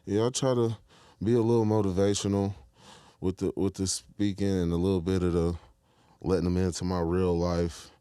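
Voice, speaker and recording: Deep-voiced laid-back rapper from Michigan. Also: male voice, little pitch movement, normal speed, dark tone, smooth, no echo, studio quality. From Detroit, Michigan, US. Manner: laid-back, slangy, keeps asking "you feel me". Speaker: guest rapper. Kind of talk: casual interview chat.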